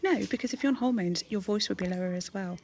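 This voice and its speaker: Brief: woman, casual phone vlog, chatty, easy laughter, mid pitch. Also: fast, darkish tone. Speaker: vlogger. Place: hospital corridors, then a car. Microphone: handheld phone.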